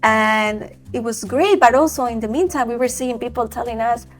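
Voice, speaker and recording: A woman from Ecuador, talking as an entrepreneur guest in an enthusiastic, animated way. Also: a little high, faint music behind. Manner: enthusiastic, animated, quick bursts with restarts. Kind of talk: podcast interview.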